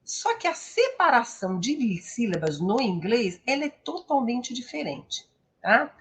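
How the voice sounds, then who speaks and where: A woman's voice: fairly high pitch, very animated, a little slow, a little hiss or hum. A Brazilian woman English teacher giving a live-streamed pronunciation lesson, explaining patiently and often checking in with her viewers. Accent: Brazilian Portuguese.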